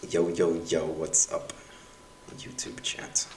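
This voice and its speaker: A young university instructor, Russian his first language, reads his course evaluations slowly and in a low monotone, against slight hiss or hum. He's casual and wry, poking fun at himself with many fillers, and the audio sounds roomy and far off.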